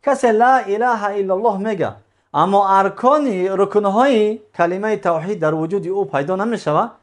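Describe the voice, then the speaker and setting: Explaining a religious lesson one step at a time, this man speaks in a high pitch, returning to key phrases and posing questions he then answers himself.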